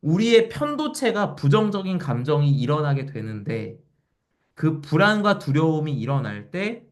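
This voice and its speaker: A man in his forties lectures a live audience, his pitch swinging widely from phrase to phrase. His voice sits a little higher than most men's. He keeps checking in with questions and acts out the voices he quotes. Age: 40s.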